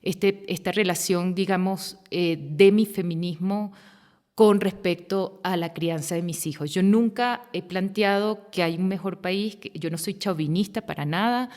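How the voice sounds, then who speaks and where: A woman's voice: lowish voice, unhurried, darkish tone. A woman, speaking as a podcast guest in an earnest, reflective way, building long sentences as she thinks aloud. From Venezuela. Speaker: guest, women's rights activist. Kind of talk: podcast interview conversation. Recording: long hall-like reverb.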